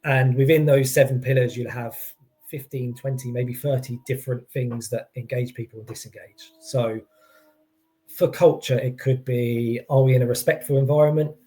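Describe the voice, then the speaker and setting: A man's voice: mid-range voice, fairly even intonation, moderate pace, warm tone. A man giving an informal expert explanation, hesitant, often restarting and qualifying his points. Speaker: employee engagement consultant as guest.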